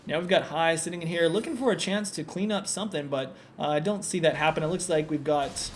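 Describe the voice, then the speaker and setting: A man giving solo play-by-play commentary on a video game, relaxed and analytical with frequent fillers. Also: on the high side, quick pace, a little hiss or hum. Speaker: esports commentator.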